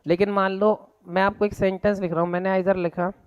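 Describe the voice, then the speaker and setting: A man's voice: high-pitched, level tone, fairly quick, clear, resonant tone, lo-fi sound. Man drilling a class with questions. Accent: Indian. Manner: drills students with repeated questions; mixes Hindi and English. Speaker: English teacher. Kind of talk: live classroom lecture.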